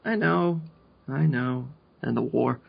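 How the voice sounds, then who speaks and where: Husky gravelly deadpan podcast man. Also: mid-range voice. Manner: deadpan, halting with fillers, slow absurd asides. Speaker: podcast co-host. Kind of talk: comedic podcast banter. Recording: lo-fi podcast recording.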